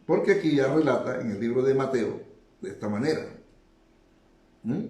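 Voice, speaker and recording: A man's voice: mid-range voice, lively intonation, normal speed, darkish tone. Man preaching a sermon in an echoey room. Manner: preaching, repeats phrases for emphasis.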